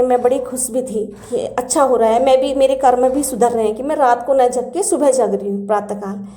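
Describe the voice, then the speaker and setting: Woman, high mellow voice, earnest devotional storyteller, echoey room. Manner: earnest and animated, acts out quoted words. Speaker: devotee sharing spiritual experiences. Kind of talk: personal storytelling.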